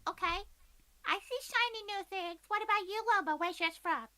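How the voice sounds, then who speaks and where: A woman voicing an excitable young adventurer who is curious about shiny things, in a squeaky, high, eager voice. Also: moderate pace. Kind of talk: tabletop role-play.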